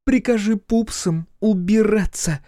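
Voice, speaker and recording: A man's voice: sits high, measured pace, dark tone, dry recording, clean studio sound, pitched above the performer's own voice. A man voicing a bold, mocking female centaur who teases and threatens.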